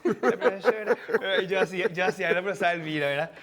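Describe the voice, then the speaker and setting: Paraguayan man, high voice, animated storyteller who slips into impressions, TV guest. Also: fast. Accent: Paraguayan Spanish. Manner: animated, laughing, mimics voices. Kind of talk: casual storytelling.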